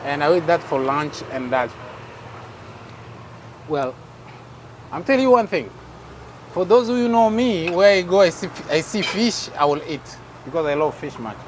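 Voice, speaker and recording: A man's voice: fairly high pitch, animated, moderate pace, pauses often, poor audio. A man vlogging his travels outdoors at a busy city market, chatting and laughing with the people he meets. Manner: chatty, laughs often, talks to passers-by. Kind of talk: casual travel vlog narration. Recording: outdoor street noise.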